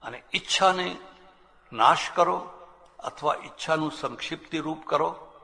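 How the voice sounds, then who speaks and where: Older swami, storyteller preacher, forceful bright tone, reverberant hall. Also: male voice, fairly high pitch, unhurried, vocal fry. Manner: folksy storytelling, acts out quoted people, chuckles. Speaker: swami giving a religious discourse. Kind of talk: spiritual discourse with anecdotes.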